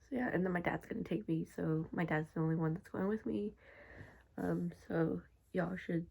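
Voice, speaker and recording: A woman's voice: lowish voice, creaky, darkish tone, breathy edge, rough recording. A young woman with a congested, nasal voice talking casually to camera in a personal vlog, informal and slangy. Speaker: vlogger.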